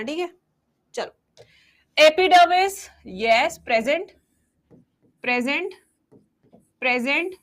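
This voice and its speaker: High-voiced woman teacher dictating notes. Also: fairly bright tone. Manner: Hindi-English mix, drawn-out dictation alternating with quick asides. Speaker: biology teacher. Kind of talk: exam-prep lesson, dictating a table.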